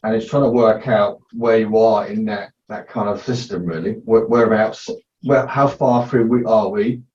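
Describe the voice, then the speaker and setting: A man's voice: lowish voice, steady tone, moderate pace, a little mellow. A man musing aloud on a group video call, piling up rhetorical questions. His voice carries a roomy echo and sounds dull and muffled. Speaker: participant. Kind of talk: casual group chat. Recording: echoey muffled call audio.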